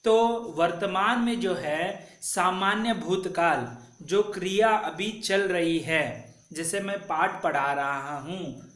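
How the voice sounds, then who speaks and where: Male schoolteacher, fairly high voice, slow and deliberate, drills example sentences; roomy echo. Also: a bit bright. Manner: slow, repeats example sentences for pupils to copy. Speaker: teacher. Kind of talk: Hindi grammar lesson for children.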